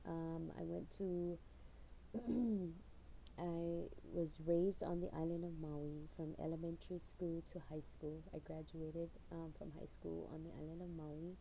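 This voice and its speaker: Gravelly dark-voiced woman. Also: deep voice, steady tone, a little slow, a little hiss or hum, low-quality recording. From Hawaii. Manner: rambling storyteller with frequent fillers and laughs. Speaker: channel owner. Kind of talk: casual personal vlog.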